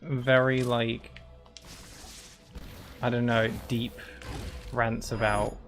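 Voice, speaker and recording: A man's voice: mid-range voice, level tone, drawn-out words, fairly bright tone, faint music behind. Man chatting while live-streaming a game. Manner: reacts aloud to gameplay with exclamations. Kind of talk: casual live-stream chat.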